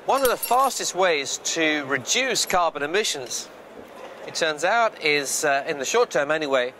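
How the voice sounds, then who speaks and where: An older man speaking to camera at a trade fair, explaining energy trends in a measured way with occasional hesitations, recorded on a lapel mic. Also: fairly high pitch, lively intonation, pushed and bright, a little hiss or hum. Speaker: futurist speaker. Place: large indoor trade fair hall.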